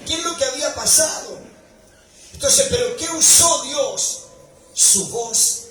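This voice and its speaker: A male pastor preaching a sermon, building to shouted emphasis at key points. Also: extremely high pitch, animated, slow pace. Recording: echoey hall recording from far off, faint noise.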